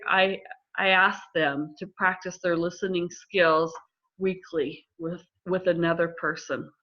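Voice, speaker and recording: A middle-aged woman counselor explaining listening skills in a calm, measured way during a conversation. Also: medium pitch. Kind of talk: instructive conversation. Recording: slightly dull lo-fi audio.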